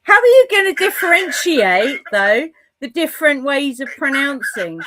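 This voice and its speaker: Female, playful casual banter, bright high tone, giggly delivery. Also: very animated, normal speed, low-quality recording. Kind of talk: casual group chat.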